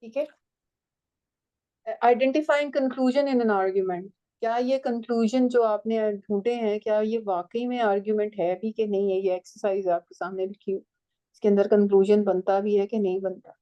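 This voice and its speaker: A woman's voice: mid-range voice, fairly even intonation, moderate pace, dark tone, dull audio. A woman teaching a writing and language class, explaining step by step and checking that her students follow.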